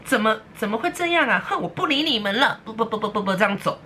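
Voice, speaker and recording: Snippy, demanding cartoon schoolgirl, put on by a woman, high and affected. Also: lively intonation, fast talker, bright, forceful tone, a little hiss or hum, heavily acted. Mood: pouty demanding. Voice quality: petulant, affected. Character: spoiled pouty schoolgirl, fickle and demanding.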